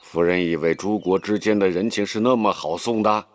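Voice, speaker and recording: An actor playing a calculating older male chancellor in a period TV drama, speaking in a measured, reasoning manner. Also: deep voice, lightly acted. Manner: measured and reasoning, turning stern.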